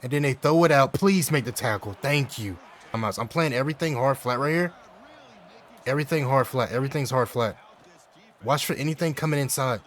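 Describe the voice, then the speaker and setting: A young man giving live commentary over his own football video game, talking to himself and bursting into yells on big plays. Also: medium pitch, a little fast, slight background noise. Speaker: gaming YouTuber.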